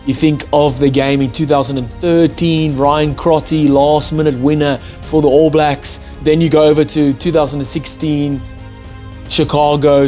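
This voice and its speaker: A young man with a South African accent softened by an Australian twang talks rugby to camera in a keen, animated way. His voice sits a little higher than most men's, and faint music plays underneath. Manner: enthusiastic, animated, chatty. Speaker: rugby YouTube host. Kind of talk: casual hyped-up commentary to camera.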